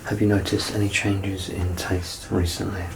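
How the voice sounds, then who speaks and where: The clinician in this ASMR exam roleplay is voiced softly, offering gentle reassurance and instructions in a hush that regularly becomes a whisper. The voice sits low with an even tone and moderate pace, and there's background noise.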